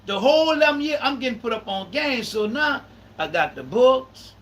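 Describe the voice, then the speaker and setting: Emphatic high-voiced man. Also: animated, moderate pace, a bit bright, poor audio. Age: 30s. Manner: emphatic, repeats phrases for stress. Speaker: podcast host. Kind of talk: casual live podcast talk.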